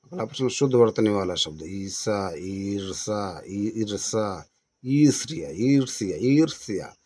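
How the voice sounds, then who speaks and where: A man teaching as an exam coach, who reads out each question's options, names the answer, and repeats words slowly to drill their correct spelling. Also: fairly low pitch, darkish tone. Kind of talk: exam question review lesson.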